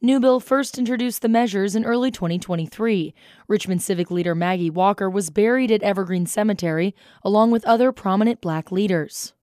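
A woman's voice: medium pitch, a little fast, dark tone, no room sound, clean studio sound. A woman anchoring a radio newscast, reading scripted local news items.

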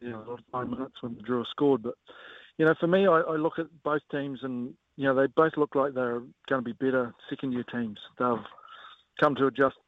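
A man's voice: medium pitch, fairly quick, no room sound. Man on a dry, phone-like line. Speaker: rugby coach as guest pundit. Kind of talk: casual sports analysis in an interview.

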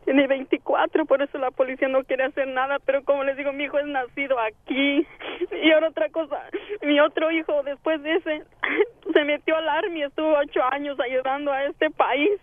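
Woman caller, tearful and distressed, high voice, tinny dry phone line. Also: level tone, a little fast, no room sound. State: crying, distressed. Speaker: caller, mother of a missing son. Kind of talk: phone-in call. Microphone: telephone.

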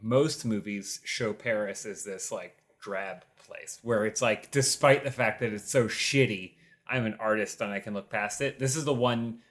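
A man co-hosts a casual group podcast chat about movies, rambling enthusiastically and using lots of filler words. His voice is lowish and a bit bright, at a moderate pace.

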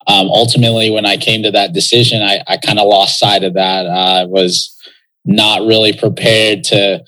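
A young pro soccer player from Texas speaks as a guest in a casual interview, loose and reflective, with plenty of fillers. His fairly low voice is pushed and bright, delivered flatly at a moderate pace, and the recording is rough.

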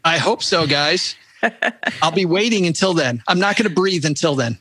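A man's voice: a little high, animated, normal speed, sharp tone. A man chatting casually and jokingly as a podcast guest. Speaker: podcast guest, a show host himself.

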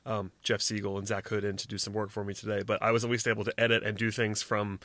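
A man hosting a sports podcast in a casual, conversational way, often halting and correcting himself. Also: fairly low pitch, completely flat delivery, a bit bright, no room sound.

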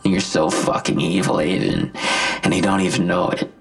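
In a full-cast audio drama, a male actor plays a smug, menacing vigilante villain who is articulate and self-righteous. His low, gravelly, husky voice has a sing-song, exaggerated quality, and he delivers his lines in a deliberate, taunting way. Faint music plays behind him.

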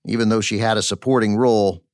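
A man's voice: on the low side, steady tone, fast talker, darkish tone. A man hosting and narrating a scripted audio documentary. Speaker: podcast host and narrator. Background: faint music.

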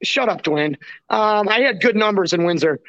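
Hosting a hockey podcast, a man talks casually in slang like a chummy former player. His voice sits high and sounds animated and a bit bright at a moderate pace, though the audio is dull.

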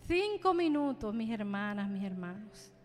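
A woman's voice: medium pitch, big pitch swings, unhurried, darkish tone, big-room sound. A woman giving a fervent testimony in church, preaching to the congregation and repeating phrases for emphasis. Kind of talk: sermon testimony.

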